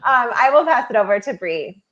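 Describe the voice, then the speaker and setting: Lively, giggly woman from Kansas City. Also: on the high side, fairly quick, lo-fi sound. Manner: giggly, friendly. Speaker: host. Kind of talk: casual video call chat. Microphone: video call.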